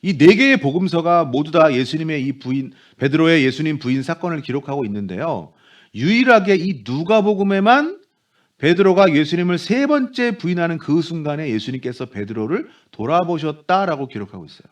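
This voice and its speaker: A man preaching a Sunday sermon as pastor, animated, dropping into soft low voices for quoted speech. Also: brisk. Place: church sanctuary.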